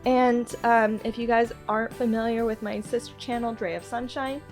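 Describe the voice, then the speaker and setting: This vlogger, her voice nasal and stuffy from a cold, casually shows off gifts and gushes girlishly. She speaks in a steady, higher-pitched voice at a moderate pace, accompanied by soft music.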